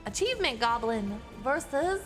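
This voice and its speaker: A woman's voice: on the high side, very animated, moderate pace, a bit bright, faint music behind. A woman announcing a dice battle in chatty, playful commentary, with a cave-like reverb effect on her voice. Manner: chatty and self-mocking, laughs at her own jokes. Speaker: arena announcer and game master.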